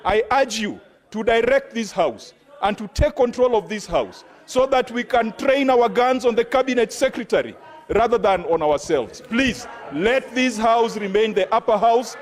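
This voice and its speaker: Very high-pitched emphatic male legislator, Kenyan. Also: expressive, moderate pace. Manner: emphatic, urging, oratorical. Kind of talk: parliamentary debate speech.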